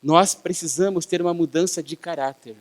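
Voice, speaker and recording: A man's voice: on the high side, moderate pace. A Brazilian man preaching a sermon as a pastor, with rising emphasis and rhetorical questions to the congregation. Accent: Brazilian Portuguese. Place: church hall. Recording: church hall with long reverb.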